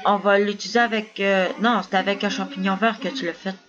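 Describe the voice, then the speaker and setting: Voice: mid-range voice, fairly even intonation, quick pace. A person chatting casually while playing a co-op video game. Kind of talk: casual gaming chat during co-op play. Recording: dull lo-fi audio, other voices behind. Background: other people talking.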